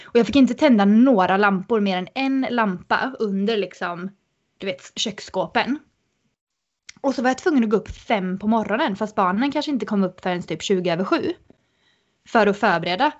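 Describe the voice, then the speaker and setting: A woman guest on a podcast, telling a story in an animated, casual way with many fillers. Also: medium pitch, dull audio.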